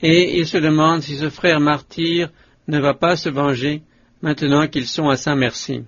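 A male audiobook narrator giving a measured, solemn scripted reading of a religious book. His voice sits somewhat high for a man. The recording sounds dull and lo-fi. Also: steady tone, a bit bright.

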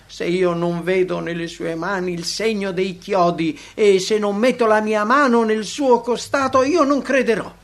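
A man's voice: high voice, fairly even intonation, unhurried, few pauses, pitched above the performer's own voice. A man voicing a stubborn, doubting male disciple in a devotional reading, with rising, insistent emphasis.

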